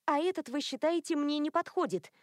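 A woman's voice: high-pitched, a little fast, no echo, studio quality, voice pushed up, natural voice. A woman voicing a bewildered young woman newly turned werewolf, indignant and questioning.

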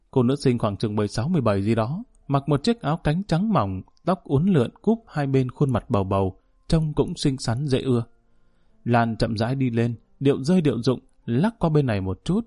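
A man narrating a spoken story in a calm, measured way. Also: mid-range voice, dry recording, studio quality.

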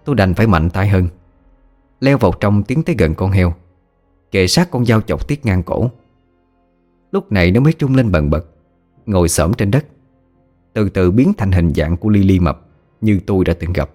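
A man narrating a first-person audio story in a steady storytelling manner. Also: deep voice, normal speed, pauses often, faint music behind.

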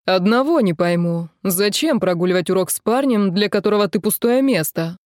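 Audiobook: female narrator as mocking older teen brother, mid pitch, dry booth. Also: lively intonation, fairly quick, a little mellow, no room sound, close to an everyday voice. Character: teenage boy, protective teasing older brother. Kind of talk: audiobook character voice.

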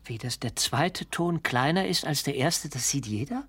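An actress playing a patient, curious music teacher in a radio drama, asking gentle questions. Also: female voice, sits low, lively intonation, moderate pace, noisy background. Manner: gentle and probing.

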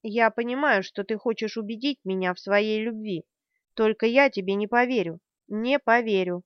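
Audiobook: woman reads a harsh, commanding young woman, forceful, dry slightly dull recording. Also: mid-range voice, moderate pace, no room sound, natural voice. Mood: harsh, shouting. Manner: forceful, shouting. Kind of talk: audiobook character reading.

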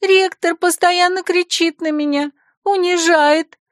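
A woman putting on a squeaky, whiny young secretary. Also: steady tone, takes it slowly, no echo, studio quality. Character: spoiled tearful young female secretary.

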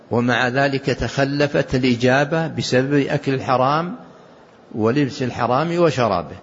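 An older man, an Islamic scholar, giving a slow and measured religious lesson, explaining a hadith with deliberate repetitions. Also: mid-range voice, slightly rough. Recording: dull lo-fi recording.

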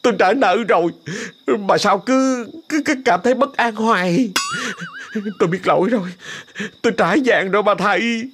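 A shrill, panicked old debtor. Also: male voice, moderate pace, fairly bright tone, slight background noise. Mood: pleading. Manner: shrill, stammering, pleading. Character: terrified older man begging for his life.

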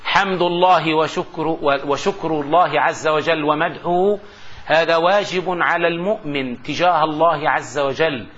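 High, bright-voiced male grammar lecturer. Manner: explains with rhetorical questions and slow recitation of examples. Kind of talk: classroom lecture. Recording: dull lo-fi lecture recording.

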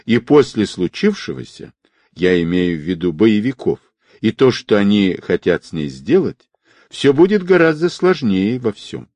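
A man voicing a composed, persuasive man who speaks calmly and with quiet confidence. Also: on the low side, dry recording. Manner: calm, measured, persuasive.

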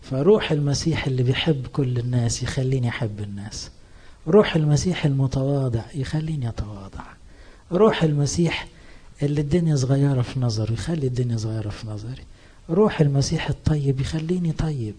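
A man preaching a sermon in an Egyptian accent, his voice mellow and soft-edged. He is a priest speaking earnestly and with emphasis, lifting his voice whenever he quotes scripture. The grain of his tone has a husky, breathy texture. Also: mid-range voice, animated, fast. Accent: Egyptian Arabic.

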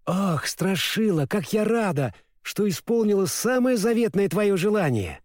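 Man voicing an earnest storybook girl, light and lively, dry close sound. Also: sits high, unhurried, dry recording. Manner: earnest, gently scolding. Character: kind earnest young girl. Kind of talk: storybook reading.

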